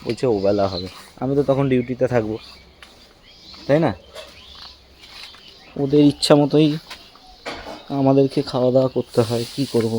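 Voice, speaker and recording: A man's voice: mid-range voice, steady tone, normal speed, long pauses, dark tone, slight background noise. A man, chatting to camera and family in a casual outdoor village vlog. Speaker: family vlogger.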